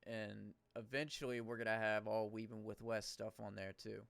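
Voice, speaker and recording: A man's voice: lowish voice, level tone, moderate pace, gravelly, a bit bright, clear, resonant tone, no room sound. A man hosting a podcast in a casual chat, laid-back and swearing freely as he trails off mid-thought. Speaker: podcast host. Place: podcast studio.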